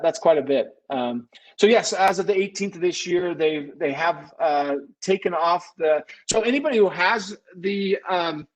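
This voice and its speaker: Heard on a low-quality recording, this high-pitched man is a business consultant running a casual live webinar Q&A. He talks things through out loud and frequently revises what he's just said.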